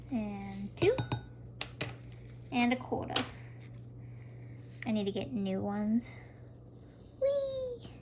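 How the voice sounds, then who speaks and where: A young woman casually narrating a cooking tutorial in her home kitchen, chatty and talking through each step aloud. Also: medium pitch. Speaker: cooking vlogger. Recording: noisy home recording.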